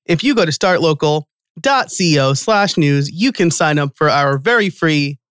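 A man's voice: a little high, lively intonation, a little slow, a bit bright, smooth, no echo. Enthusiastic New York man hosting. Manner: enthusiastic, upbeat, laughs easily. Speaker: podcast host. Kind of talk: casual podcast chat.

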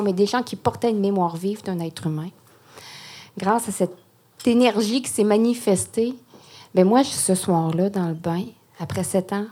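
A woman's voice: medium pitch, a little mellow, breathy edge. A woman with a Quebec French accent telling a personal story to a live audience, emotional and full of restarts. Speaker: guest speaker, poet.

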